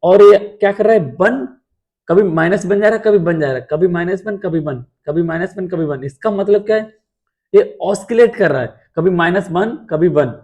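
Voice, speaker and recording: A man's voice: sits high, moderate pace, darkish tone. A man teaching math in an explanatory lecture, asking rhetorical questions and answering them himself.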